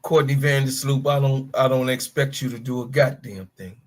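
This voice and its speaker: This fifties-aged podcast co-host speaks at a medium pitch and moderate pace. His heated sports talk rant is full of emphatic profanity, and he names specific players as he tears into them.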